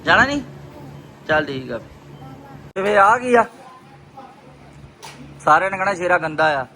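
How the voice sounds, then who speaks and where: Punjabi man vlogging over loud background noise. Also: high-pitched, sing-song, unhurried, low-quality recording. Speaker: vlogger and father. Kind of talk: casual family vlog chat and narration. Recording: loud ambient and vehicle noise.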